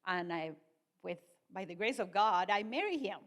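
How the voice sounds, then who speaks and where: Woman, 60s, guest speaker, earnest testimony, medium pitch. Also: lively intonation, moderate pace. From Chile. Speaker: guest speaker, ministry leader. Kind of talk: personal testimony.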